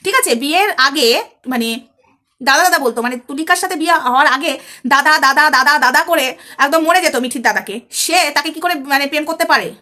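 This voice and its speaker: A social media commentator speaks straight to her viewers in a heated commentary vlog, scolding and angry. Her voice is high, bright, and forceful, and she talks fairly quickly.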